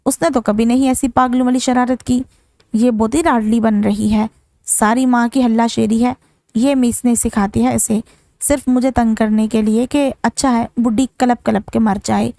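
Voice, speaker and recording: A woman's voice: fairly even intonation, moderate pace, creaky, warm tone, no echo, clean studio sound. A woman voicing a bitter, scolding old mother-in-law who rants shrilly. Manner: shrill, ranting.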